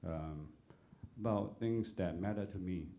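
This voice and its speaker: A man on a panel, answering thoughtfully with many pauses and fillers. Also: sits low, warm tone, a little hiss or hum. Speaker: panelist composer. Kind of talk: relaxed panel discussion.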